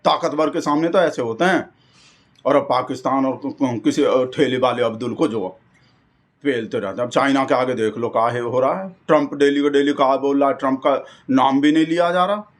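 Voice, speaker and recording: A man's voice: medium pitch, moderate pace. A man delivering a rambling satirical monologue in character as an earnest party devotee, folksy and mock-earnest.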